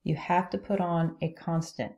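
A logic instructor narrates a screen recording of slides, taking each rule step by step and checking in with "okay?". Her low voice is steady and warm at a normal speed, and the sound quality is lo-fi.

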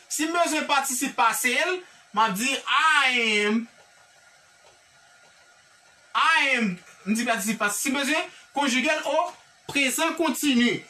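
An English teacher with a Haitian accent leads a classroom grammar lesson, drilling example sentences one at a time and checking in with the class. The voice sits high and sounds pushed and bright, and it's far from the mic.

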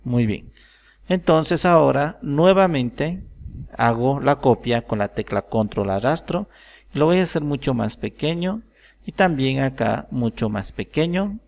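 A man calmly explaining a software tutorial step by step, thinking aloud as he works. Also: mid-range voice, measured pace, gravelly. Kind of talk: screen-recorded software tutorial.

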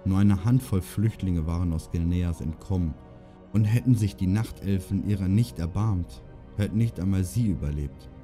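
A male audiobook narrator with a low, mellow, dark voice. He reads in a steady, measured way. Soft music runs in the background. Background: faint music.

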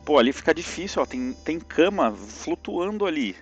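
A man with a Brazilian Portuguese accent giving lively live commentary on a platform game, yelping and groaning at each jump. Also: a little high, moderate pace, muffled recording, soft background music. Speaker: streamer playing a platform game.

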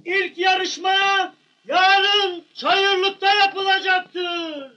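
An actor playing a loud town crier in a film comedy, shouting drawn-out proclamations to a village. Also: male voice, very high-pitched, steady tone, highs cut off, exaggerated voice. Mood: loud, proclaiming. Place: outdoors in a village street. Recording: noisy old film soundtrack.

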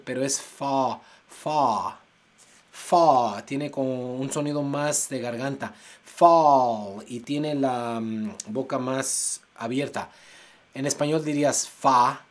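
A man teaching English pronunciation, exaggerating sounds slowly to demonstrate them. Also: mid-range voice, steady tone, a bit bright. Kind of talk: pronunciation lesson. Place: United States.

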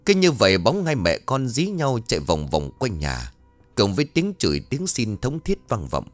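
Animated male ghost story narrator. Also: lowish voice, normal speed. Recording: dry studio voice with faint music.

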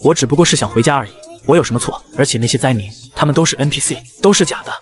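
A man's voice: medium pitch, rapid-fire. A man narrating a comic story in the first person at speed, voicing every character with little change. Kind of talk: manhua recap narration.

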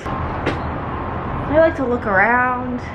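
Młoda kobieta z Kanady nagrywa swobodny vlog w domu i mówi do kamery pogodnie i z wieloma wtrąceniami. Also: female voice, on the high side, expressive, very slow, reverberant, highs cut off, loud music behind the voice. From Canada. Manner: chatty, upbeat, many "like" fillers. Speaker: vlogger. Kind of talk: casual vlog chat to camera. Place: apartment at home.

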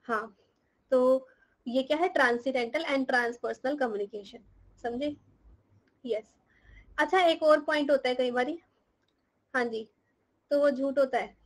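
In a live class taught in Hindi mixed with English, a young woman explains terms, teases and scolds her students with questions, and laughs often. Her voice sits high and she goes slowly, with long pauses, on a rough recording.

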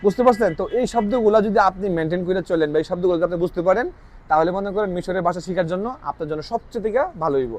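High-voiced man teaching informally. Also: racing, a little mellow, low-quality recording. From Bangladesh. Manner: explanatory, repetitive, asks listeners if they follow. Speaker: language teacher. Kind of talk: informal language lesson. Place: outdoors in a town.

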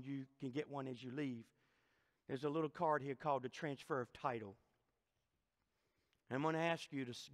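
A middle-aged man preaching a sermon as pastor, emphatic and repetitive, asking the congregation questions. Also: mid-range voice. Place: church sanctuary. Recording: long church hall reverb.

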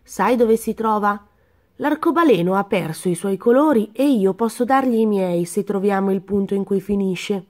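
A woman voicing a kind, generous male elephant in a children's storybook reading, in a lively, slightly raised voice. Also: medium pitch, normal speed, close to an everyday voice. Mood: eager.

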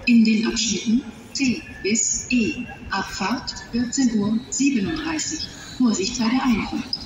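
A woman making scripted train platform announcements in a flat, measured manner, heard over a station loudspeaker. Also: on the high side, background noise. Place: large train station hall, heard over public address. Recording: echoey station loudspeaker from far off.

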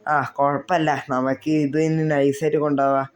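A young man talking through a game for his channel, animated and comic, breaking into yelps and exclamations. His voice sits on the higher side and is very smooth and clear. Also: fairly quick. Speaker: gaming YouTuber. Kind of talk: gameplay commentary with role-play.

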